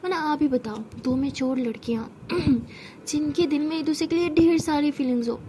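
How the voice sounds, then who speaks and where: A woman's voice: high voice, normal speed, warm tone, a little hiss or hum, close to an everyday voice. A woman voicing a confident young woman who playfully mocks and teases her partner. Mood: teasing. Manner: playful, mocking, teasing.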